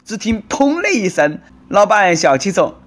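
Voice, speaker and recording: A man with a Nanchong Sichuanese accent riffs on the news in a sarcastic, teasing tone. His voice sits a little higher than most men's. He talks to his listeners as if chatting with friends. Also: very animated, moderate pace. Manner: sarcastic, bantering. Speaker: comedic news commentator. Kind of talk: comic news commentary.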